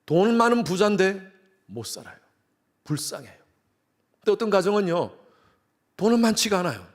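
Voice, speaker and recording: A man's voice: high-pitched, very animated, normal speed. A middle-aged man from Korea, a pastor preaching a sermon in a church and acting out quoted voices with animation. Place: church sanctuary.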